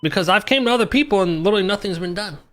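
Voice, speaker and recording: Brief: high, quick male gang character, blunt and insistent. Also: animated, fairly bright tone. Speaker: gang member in a roleplay game. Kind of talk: heated in-character discussion.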